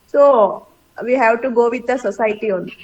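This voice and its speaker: A woman with a Kannada Indian accent, a schoolteacher giving opinions in class in a halting, deferential way. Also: on the high side, darkish tone, lo-fi sound. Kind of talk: spoken opinion in a class discussion.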